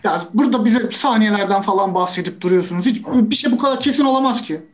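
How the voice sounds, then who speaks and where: A woman's voice: medium pitch, fast, natural voice. A woman playing a stubborn juror who insists on guilt, speaking over a video call. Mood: insistent. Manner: dismissive, insistent.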